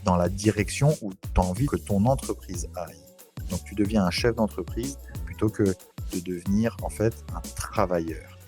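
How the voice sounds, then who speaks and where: A podcast guest from Saint-Barthélemy in the French Antilles, a real estate investor, speaks informally in an interview and explains things conversationally. His voice sits low, his pace is moderate, and music plays in the background.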